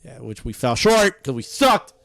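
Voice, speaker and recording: A man co-hosting a podcast, chatting casually in an animated way, swearing and laughing often. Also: medium pitch, moderate pace, vocal fry, noisy background. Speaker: podcast co-host. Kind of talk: casual chat.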